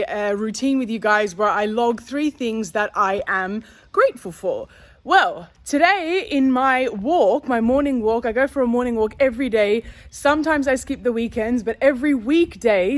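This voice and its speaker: A woman's voice: on the high side, dry recording. Woman talking with a retainer in. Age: 30s. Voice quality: slight lisp from wearing a dental retainer. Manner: chatty, candid, rambling. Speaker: vlogger. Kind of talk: casual chat to viewers.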